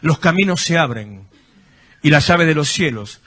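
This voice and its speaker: A man's voice: fairly high pitch, animated, a little slow, fairly bright tone. A male pastor, preaching a sermon and putting questions to his congregation. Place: church.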